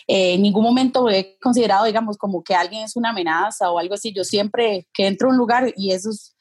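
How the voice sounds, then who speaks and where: Husky-voiced Costa Rican woman. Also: mid-range voice, fast talker, darkish tone, no room sound. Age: adult with a daughter. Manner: frank, chatty, tags sentences with questions. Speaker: guest. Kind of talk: casual conversation.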